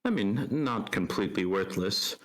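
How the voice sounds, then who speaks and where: A man voicing a male traveler from a faraway land who tries to sell a pile of leaves with a persuasive sales pitch. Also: lively intonation, normal speed, close to an everyday voice, low-quality recording. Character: smooth-talking male traveler peddling leaves.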